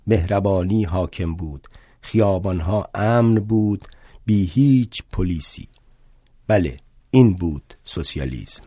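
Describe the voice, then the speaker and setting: An older man playing a proud, indignant aging male revolutionary thinker in a one-man stage play, telling his story wryly and flaring into indignant shouts. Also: deep voice, animated, breathy edge, no room sound.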